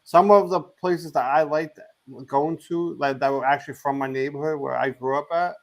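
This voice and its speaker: A middle-aged man from Queens, co-hosting a casual live chat, halting and restarting his sentences with many fillers. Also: on the high side, steady tone, rough recording. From Queens, New York. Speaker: co-host.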